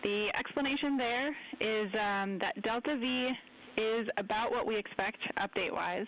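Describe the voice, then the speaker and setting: A woman working as a mission control communicator, speaking in measured technical terms over radio, like a sci-fi communicator. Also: fairly high pitch. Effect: radio transmission. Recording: muffled, noisy radio link.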